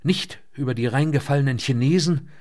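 A man's voice: medium pitch, fairly quick, a little mellow, natural voice. A man reading the part of a pale, distraught chief archivist who groans and then grows agitated in an audiobook. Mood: groaning lament.

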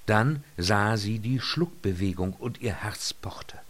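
A man narrating an audiobook in a measured, soft-spoken storytelling manner. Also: lowish voice, lively intonation. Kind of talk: scripted narration.

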